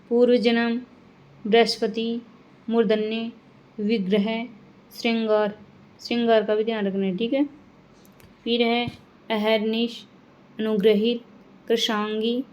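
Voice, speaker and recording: A woman teaching a grammar lesson, reading words one by one and adding quick reminders to her students. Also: on the high side, a little mellow, poor audio. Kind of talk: classroom lesson reading word lists.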